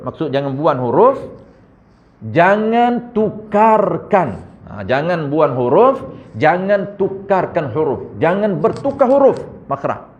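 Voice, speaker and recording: A man with a Malaysian Malay accent teaching correct Quran recitation, chanting verses slowly and correcting pronunciation. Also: fairly high pitch, very animated. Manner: addresses audience as tuan-tuan, frequent "ha". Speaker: religious teacher. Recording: muffled lo-fi recording.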